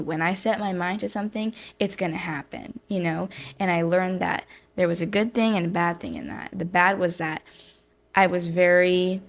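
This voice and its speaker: A young woman tells her story in a casual, filler-heavy way. Her voice sits low with a gravelly fry. It is an unscripted personal testimony. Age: young adult. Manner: talkative, many fillers. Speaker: guest.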